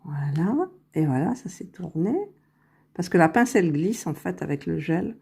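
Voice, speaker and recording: A woman talking her way through a crafting tutorial, unhurried and thinking aloud as she works, correcting herself as she goes, close to her phone. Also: sits low, animated, creaky, darkish tone, breathy edge. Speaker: crafting vlogger. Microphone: phone held very close to the face.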